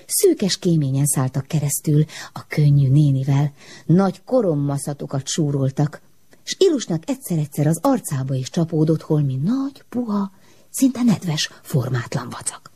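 A woman reading a children's story aloud in an expressive, animated manner. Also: low-pitched, breathy edge.

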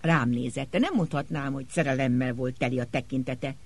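A man narrating an audiobook in a dramatic, expressive way. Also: medium pitch.

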